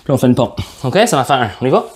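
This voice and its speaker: A man's voice: mid-range voice, expressive, very fast, breathy edge. A man with a Québécois French accent, leading a workout as a fitness coach, upbeat and joking as he counts reps aloud. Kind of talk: guided workout instruction.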